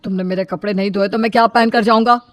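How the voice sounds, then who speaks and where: A woman voicing an indignant, lonely widowed man in an animated storybook, complaining about being neglected. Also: mid-range voice, quick pace, no echo, faint music behind, close to an everyday voice. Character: aggrieved lonely widowed elder brother-in-law, man.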